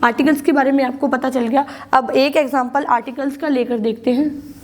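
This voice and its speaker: High-voiced Indian woman teaching grammar. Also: steady tone, a little fast. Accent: Indian English. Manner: explains patiently, repeats key words, asks and answers her own questions. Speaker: school English teacher. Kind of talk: classroom grammar lesson in Hindi and English.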